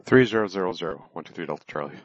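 A man's voice: low voice, animated, rapid-fire, no echo. A man flying a small plane, making clipped radio calls and readbacks to air traffic control over his cockpit headset. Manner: clipped, standard aviation phraseology with readbacks. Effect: cockpit headset radio transmission. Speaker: private pilot. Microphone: headset microphone. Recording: dull, lo-fi, dry radio audio.

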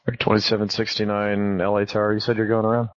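A man speaks as an air traffic controller in clipped radio phraseology. His voice is low and very even. The transmission is dull and band-limited. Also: very fast. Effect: aviation radio transmission.

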